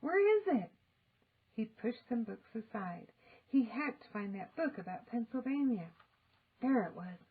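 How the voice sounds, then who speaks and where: An older woman reading a children's story aloud in an expressive, deliberate storytelling manner. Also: fairly high pitch, slightly rough, phone-quality sound. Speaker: storybook reader. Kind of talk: expressive children's audiobook narration.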